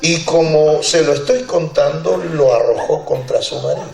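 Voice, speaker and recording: A man's voice: fairly high pitch, moderate pace, creaky, crowd noise. A man preaching a sermon as a pastor, telling a funny story with lots of laughter and acted-out voices. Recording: roomy church hall, distant mic, congregation audible.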